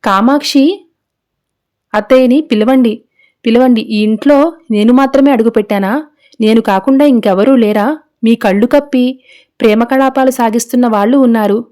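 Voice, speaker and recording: A woman's voice: a little high, moderate pace, long pauses, mellow, close to an everyday voice. A woman voicing a young, wrongly accused daughter-in-law who pleads and protests in a storybook recap. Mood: indignant. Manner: pleading, indignant.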